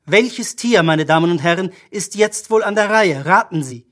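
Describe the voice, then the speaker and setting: A storyteller voicing a theatrical male stage magician who announces his tricks in a grand, drawn-out way. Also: medium pitch, lively intonation, fairly bright tone, close to an everyday voice. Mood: showy surprise. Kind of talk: audiobook character voice.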